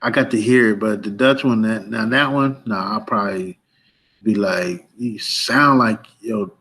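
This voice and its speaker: A man's voice: on the low side, moderate pace, fairly bright tone, husky, low-quality recording. A man chatting casually as a guest, playful and hesitant, with many fillers. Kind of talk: casual podcast chat.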